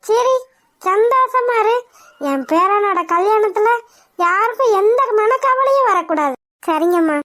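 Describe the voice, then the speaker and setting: A woman's voice: extremely high pitch, lively intonation, a little slow, fairly bright tone, full character voice. A woman voicing an old grandmother in a cartoon who scolds out of affection. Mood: scolding. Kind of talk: cartoon voice acting.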